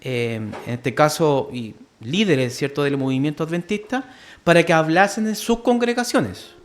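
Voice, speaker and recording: A man's voice: fairly high pitch, normal speed. A man with a Chilean Spanish accent teaching a church history class, full of fillers, who keeps asking "¿cierto?" and calls his listeners "hermano". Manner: many fillers, asks "¿cierto?" often, addresses listeners as "hermano".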